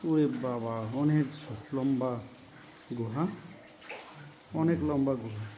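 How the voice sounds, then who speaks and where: A man's voice: medium pitch, slow pace, mellow. Guy doing travel vlog commentary in a cave, says things twice, noisy location sound. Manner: repeats phrases for emphasis. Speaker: travel vlogger. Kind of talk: live sightseeing commentary to camera, chatting with companions. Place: small boat inside a low cave.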